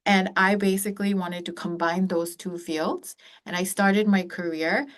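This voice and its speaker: Speaking in a lowish voice with fairly even intonation, a Korean-born woman in her forties who grew up across East and Southeast Asia addresses students in a webinar. As founder of an education company, she sounds earnest and encouraging, often pausing with um and uh.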